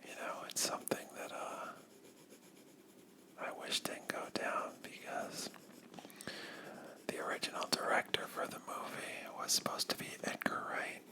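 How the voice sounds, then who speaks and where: A YouTuber whispering softly and slowly into a close microphone while chatting through a coloring session, with pauses and drifting thoughts. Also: rough recording. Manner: soft unvoiced whisper, slow and drifting. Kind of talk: whispered ASMR coloring chat.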